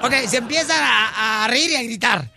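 A man hosting a comedic radio show, animated and laughing through his own jokes. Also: very high voice, moderate pace, gravelly, heavy background noise.

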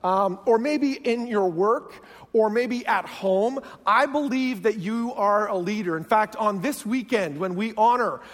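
In a big church sanctuary with long reverb, a guest pastor with a Canadian accent jokes about himself through a humorous sermon. His high-pitched voice is a bit bright and keeps a measured pace.

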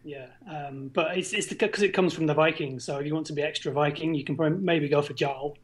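A man talks as a guest on a casual podcast. His pitch is somewhat high for a man, and his delivery is droll and understated, in an informal conversational style. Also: steady tone, quick pace. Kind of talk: casual chat.

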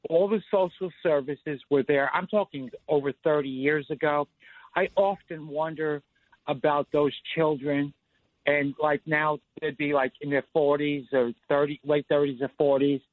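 A man's voice: a little high, fairly even intonation, moderate pace. A man in his fifties, a radio show caller on a phone line, telling a long personal story with many "you know" and "like" fillers. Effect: phone line call-in to a radio show. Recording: tinny dry phone line.

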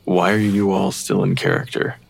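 A fed-up pathologist, low gravelly voice, kinda dry. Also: male voice, very animated, normal speed, a little hiss or hum, full character voice. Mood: exasperated. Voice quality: dry, exasperated. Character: exasperated male pathologist who hears ghosts. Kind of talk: audio drama acting.

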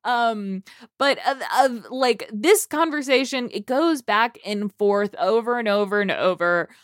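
Podcast co-host, woman, slightly high voice, halting and laughing delivery, dry close mic. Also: dry recording. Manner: stammering, laughing, reads chat transcript aloud. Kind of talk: casual podcast chat.

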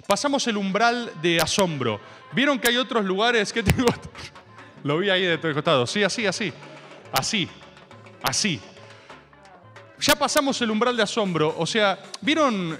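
A man's voice: high voice, fairly bright tone, big-room sound. A man with a Rioplatense Argentine accent, hosting a stream of ironic political commentary full of rambling asides. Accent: Rioplatense Argentine Spanish. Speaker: host.

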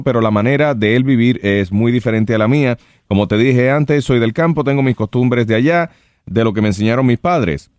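A man's voice: mid-range voice, darkish tone, no echo. Radio host guy, jokey, bouncy voice, mixes english in, dry mic. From Cuba. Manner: teasing, switches between Spanish and English. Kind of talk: casual radio banter, reading a listener letter.

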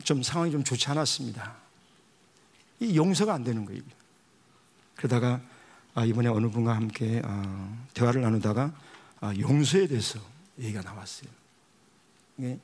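A man's voice: mid-range voice, gravelly, husky. A male missionary pastor preaching a sermon, telling a funny story and acting out the dialogue. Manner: animated storyteller who acts out dialogue. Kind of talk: sermon with humorous anecdote.

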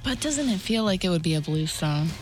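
A woman co-hosting a radio show, bantering casually in a playful, expressive way on a studio microphone. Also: fairly low pitch, brisk, soft background music. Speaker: radio co-host.

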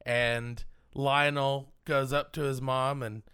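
A man's voice: mid-range voice, little pitch movement, takes it slowly, bright, forceful tone, smooth, no room sound. Wry man podcast co-host, dry close sound. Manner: dry, wry humor, recaps the plot. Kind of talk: casual film discussion.

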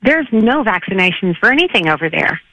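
A woman calling in to a talk radio show over a phone line, asking worried, rapid questions in casual chat. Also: mid-range voice, sing-song, pushed and bright, dry recording. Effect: heard over a phone line. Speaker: radio call-in caller.

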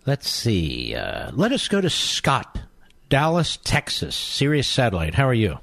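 A man's voice: mid-range voice, wildly swooping pitch, unhurried, gravelly, fairly bright tone. Indignant male talk radio host. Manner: indignant, sarcastic, mocking opponents. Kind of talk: combative talk radio monologue.

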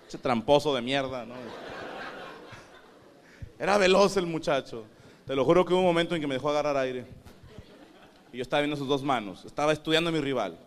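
A man's voice: on the high side, a little fast, pauses often, a little hiss or hum. A man with a northern Mexican accent delivering a crude, self-mocking stand-up comedy monologue. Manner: crude, self-mocking, acts out quoted voices.

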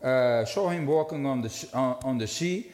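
A man's voice: mid-range voice, moderate pace, a little mellow. A man preaching in short phrases for an interpreter, often stopping and restarting, in a reverberant hall. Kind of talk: sermon with live interpretation.

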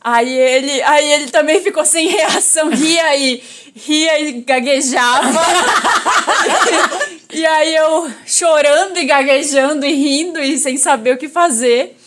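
A woman from Belém telling a personal story in casual chat, lively and acting out the voices of the people in it. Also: high-pitched, slow, heavy background noise. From Belém, Brazil. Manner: animated storyteller, acts out quoted voices. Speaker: guest telling a pregnancy story.

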